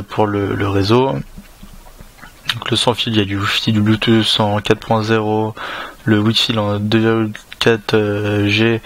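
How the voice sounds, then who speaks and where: A man with a French accent giving a casual unboxing commentary, hesitant and full of fillers and restarts. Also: lowish voice. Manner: casual, relaxed. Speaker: tech reviewer.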